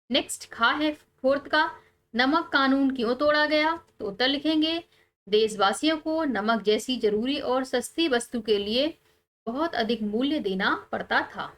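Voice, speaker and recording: A woman teacher, calmly explaining textbook answers step by step and pausing on key words. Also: sits high.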